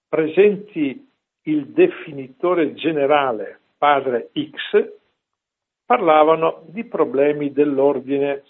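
A man preaching and telling stories, slow and emphatic, with chatty asides to his listeners. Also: on the high side. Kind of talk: religious talk with storytelling. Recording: lo-fi phone-like line.

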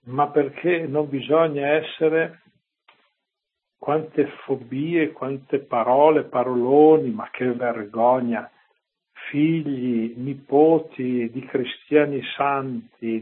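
A man preaches on the radio in an earnest, exhorting tone and asks rhetorical questions. He speaks slowly and his voice is husky. The sound is thin and tinny, like a phone line. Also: medium pitch. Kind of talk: radio sermon.

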